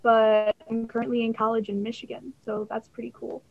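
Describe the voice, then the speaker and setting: A woman's voice: on the high side, monotone, brisk, gravelly, highs cut off. A young woman from Pennsylvania, a guest on a video-call panel, speaking in a laid-back, offhand way. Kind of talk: casual chat.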